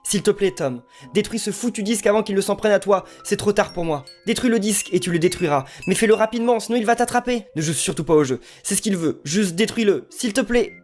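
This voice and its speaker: A man's voice: high-pitched, fast, hardly any pauses, darkish tone, faint music behind, voice pushed up. A man doing a panicked pleading young man. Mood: desperate. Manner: desperate, urgent, begging.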